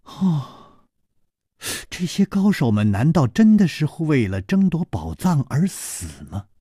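A lively, teasing young woman with a lilting, bouncy voice, as a male storyteller puts her on. She swings between high and soft tones, in a husky voice. The recording is dry. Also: slow pace, no room sound, heavily acted.

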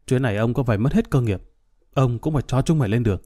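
A man's voice: mid-range voice, animated, fast, warm tone, lightly acted. A man voicing a drunk, hot-tempered middle-aged man who rants and threatens revenge in a storybook reading. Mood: blustering. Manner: blustering, vengeful rant.

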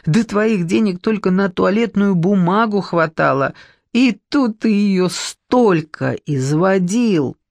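A reader doing a loud, mocking brunette woman. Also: mid-range voice, expressive, slow, gravelly, no echo, clean studio sound. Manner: mocking, domineering. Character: loud, sharp-tongued stout brunette woman.

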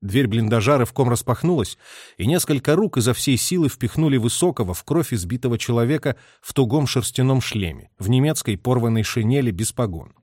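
A man's voice: mid-range voice, expressive, a little fast, a little mellow, husky, no echo, clean studio sound. A male audiobook narrator giving a vivid, dramatic reading of scripted prose.

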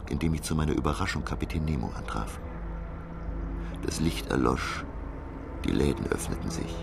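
An actor playing an earnest, educated professor held captive in a radio drama, with a formal, dramatic delivery. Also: male voice, very deep voice, creaky, exaggerated voice. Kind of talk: German radio drama, dialogue and dramatic narration.

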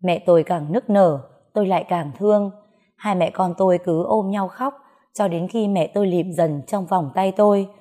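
A woman's voice: fairly low pitch, normal speed, mellow. A woman narrating a dramatic first-person story with emotion.

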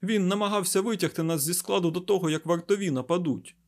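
A man voicing an agitated male scientist in an audiobook, loud and urgent. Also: sits high, fast talker, pitched above the performer's own voice. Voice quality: loud, raised, breathless urgency. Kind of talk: audiobook character voice.

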